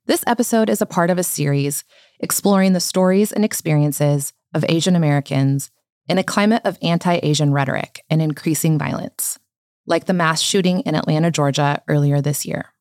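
A woman hosting a public radio program, reading a measured, formal scripted introduction. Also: deep voice, a little mellow, dry recording, studio quality. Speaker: radio show host. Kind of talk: scripted narration.

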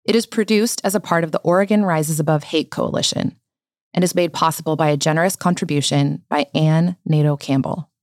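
Woman, radio host, scripted narration, measured and formal, low voice, dry close mic. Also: steady tone, no echo.

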